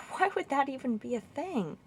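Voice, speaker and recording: A woman's voice: high-pitched, animated, normal speed, darkish tone, slight background noise. A woman playing through a game walkthrough, thinking aloud and muttering confused questions as she goes. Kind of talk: casual gameplay commentary.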